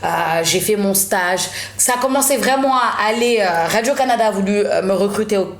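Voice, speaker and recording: A woman's voice: medium pitch, normal speed. A woman from Senegal in her thirties, a journalist and TV presenter, telling her story in a casual interview chat and slipping in English phrases. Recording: roomy studio sound.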